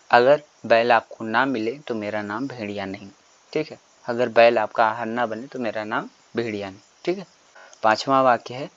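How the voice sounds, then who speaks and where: Man teaching a textbook lesson. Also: mid-range voice. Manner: explains step by step, keeps asking questions. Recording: dull lo-fi recording.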